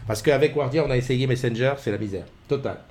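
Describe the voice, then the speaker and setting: A man's voice: mid-range voice, quick pace, darkish tone. Chatty man hosting a live stream. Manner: chatty, rambling, many fillers, greets viewers by name. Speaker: host of a morning live stream. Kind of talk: casual live-stream chat. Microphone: desk mic with webcams.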